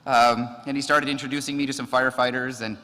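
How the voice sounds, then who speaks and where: Male firefighter, eulogy speaker, casual storyteller, mid-pitched voice, reverberant hall. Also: flat delivery, fast, pushed and bright. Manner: conversational storytelling, frequent ums and laughs. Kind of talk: memorial tribute with anecdotes. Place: memorial service in a hall. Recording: long reverb of a large hall.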